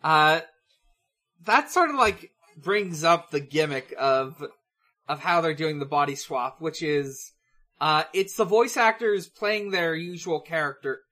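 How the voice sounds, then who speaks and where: A podcast co-host recapping episodes in casual chat, halting and restarting often. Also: medium pitch, animated, sharp tone.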